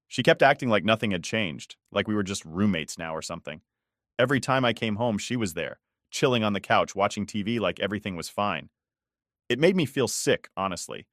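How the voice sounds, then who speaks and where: A young man tells a first-person story in a loose, conversational way, with a tone of exasperation. His voice sits fairly low, and the recording is dry and close. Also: fairly bright tone, dry recording. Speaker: narrator.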